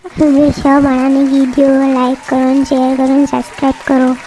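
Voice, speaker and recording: Woman voicing a gruff Malwi village tea seller. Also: high voice, completely flat delivery, moderate pace, warm tone, slight background noise, lightly acted. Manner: blunt, scolding village banter. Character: rustic village tea-stall man, gruff and quick-tempered.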